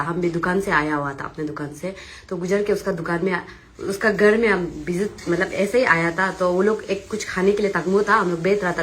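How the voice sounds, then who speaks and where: A young woman with an Arunachal Pradesh accent, giving an agitated, insistent eyewitness account to reporters and retelling the dispute with quoted dialogue. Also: fairly low pitch.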